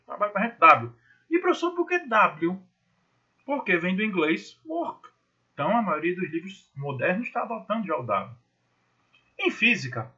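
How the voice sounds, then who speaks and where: A man's voice: fairly high pitch, pushed and bright, muffled recording. A man teaching a physics class in Brazilian Portuguese, chatty and jokey, repeating key points and voicing students' questions himself. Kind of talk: recorded online class.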